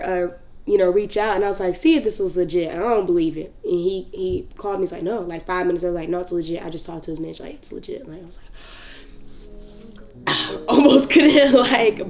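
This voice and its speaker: A young woman from North Carolina with a Southern accent, a rapper telling stories in an interview, laid-back and laughing often, with lots of "like". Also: mid-range voice. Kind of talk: casual interview storytelling.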